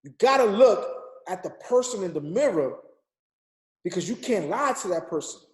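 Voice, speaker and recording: Speaking at a normal speed, a thirty-something man gives a forceful, repetitive pep talk over a group call, rallying people the way a preacher would. His high-pitched delivery is animated, and the recording carries reverb.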